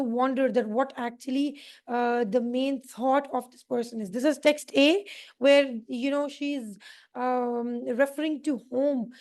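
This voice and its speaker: A woman's voice: high-pitched, darkish tone. A young woman teaching an English writing class, explaining texts to students with many fillers like "you know". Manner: thinking aloud with many fillers.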